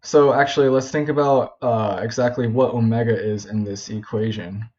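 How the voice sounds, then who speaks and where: Casual young man tutoring physics, mellow. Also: mid-range voice, steady tone, normal speed. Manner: informal, many fillers and self-corrections. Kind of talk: casual whiteboard problem walkthrough. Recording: dull lo-fi home recording.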